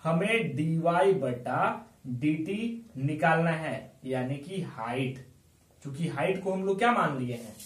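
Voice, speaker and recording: A man teaching a math lesson with a Bihari Hindi accent, explaining step by step and answering his own questions. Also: on the high side. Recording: echoey room, mic far off.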